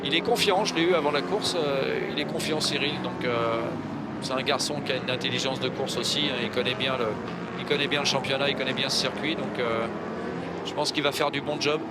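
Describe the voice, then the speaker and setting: A man's voice: medium pitch, steady tone, brisk. A man giving conversational live motorsport commentary, explaining the race informally as an analyst. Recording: loud engine and trackside noise.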